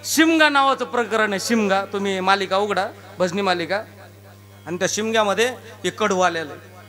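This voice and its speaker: A man's voice: high-pitched, normal speed, bright, forceful tone. A man from rural Maharashtra, giving a jokey devotional kirtan sermon and firing rhetorical questions at the crowd. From Beed district, Maharashtra. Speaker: kirtan preacher. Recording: live music clearly behind the voice. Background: tabla and harmonium music.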